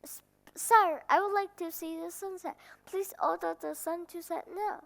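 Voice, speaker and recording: Earnest young prince, very high voice with some fry, questioning. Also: female voice, steady tone, moderate pace, a bit bright, faint music behind, full character voice. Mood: curious. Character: earnest curious little boy prince. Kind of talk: stage play performance. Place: school auditorium stage.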